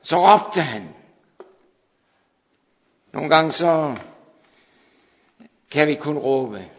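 A man preaching a fervent sermon to his congregation, sometimes dropping to hushed intensity. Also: fairly high pitch, expressive. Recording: dull sound in a long-reverb hall.

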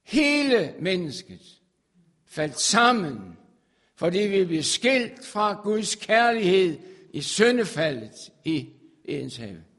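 High-voiced man preaching an emphatic sermon. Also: very animated. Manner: emphatic, repeats phrases, swings from soft to loud.

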